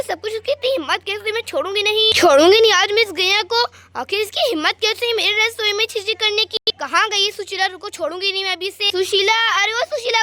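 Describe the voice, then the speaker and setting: A woman doing a loud, fiery village woman. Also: very high-pitched. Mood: angry shouting. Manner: shouting, scolding. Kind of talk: doll story voice acting.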